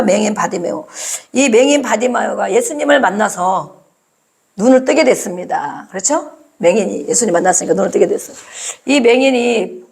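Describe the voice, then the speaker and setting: A woman's voice: mid-range voice, gravelly, darkish tone. A woman preaching a sermon, often asking the congregation questions and acting out cries.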